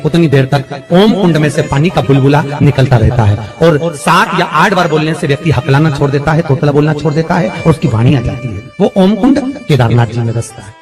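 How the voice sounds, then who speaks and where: A man giving a devotional sermon, instructing his listeners directly and emphatically. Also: fairly high pitch. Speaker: preacher.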